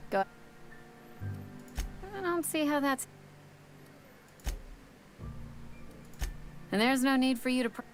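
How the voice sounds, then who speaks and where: A woman's voice: high voice, lively intonation, moderate pace, soft background music. An actress voicing a brusque, wary woman bartender from a company frontier town in a video game, with a sassy, curt and dismissive manner. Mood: irritated. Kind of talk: video game character dialogue.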